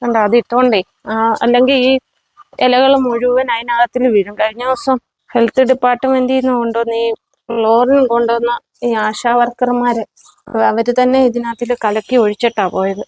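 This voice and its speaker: A woman with a slightly raised voice talks casually to her viewers while doing yard work. She chats to them as friends as she pulls plants and clears the ground. The sound is from an outdoor home yard, picked up on a handheld camera. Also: fairly high pitch, flat delivery, moderate pace, a little mellow, no echo, poor audio. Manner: chatty, addresses viewers as friends. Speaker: vlogger. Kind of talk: casual chat while gardening.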